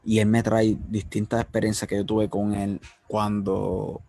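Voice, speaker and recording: A male host speaks confessionally and emotionally about his faith, often stretching out pauses. His voice is low and gravelly, with a steady, even pitch, and the sound is close and dry. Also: no room sound. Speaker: interviewer, host. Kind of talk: personal faith conversation.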